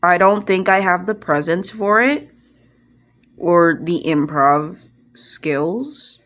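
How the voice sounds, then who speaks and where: This woman's voice sits on the low side and sounds a bit bright, animated, and slow-paced. Like a hobbyist vlogger, she talks casually and self-deprecatingly into an iPad's built-in microphone, wandering from thought to thought.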